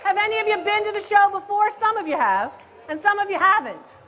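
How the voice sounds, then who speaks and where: A woman who appraises antiques and hosts a comedy show, teasing and ribbing her audience loudly and playfully on a live stage. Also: very high-pitched, very animated, fairly quick, some chatter behind. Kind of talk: live stand-up style crowd banter.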